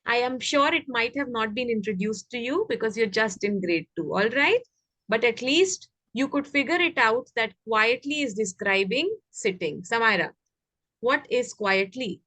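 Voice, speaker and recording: Teaching English to young children in an online class, an Indian-accented woman keeps prompting them with repeated questions in an instructive manner. Her fairly high voice is bright and forceful with lively intonation at a normal speed. There's no room sound, though the audio is poor.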